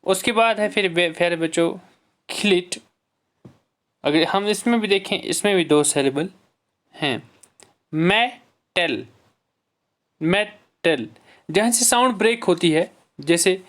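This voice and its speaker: Man, teacher, classroom lesson, slightly high voice, slow careful delivery, speaks to students as dear children. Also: fairly bright tone. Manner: reads English lines slowly, then explains in Hindi; clears throat often. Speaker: English teacher. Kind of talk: classroom lesson explaining syllables.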